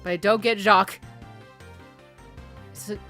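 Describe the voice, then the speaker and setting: A woman streaming a game with casual, expressive, giggly and sweary live commentary. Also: medium pitch, slow, faint music behind.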